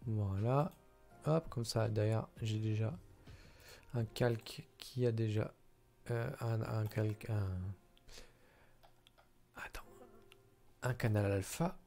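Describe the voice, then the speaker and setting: A man's voice: on the low side, fairly even intonation, slow, long pauses, mellow, soft background music. A tired man thinking aloud with hesitation as he edits a video at his computer. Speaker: video editor commenting his work. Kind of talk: casual screen-recording commentary.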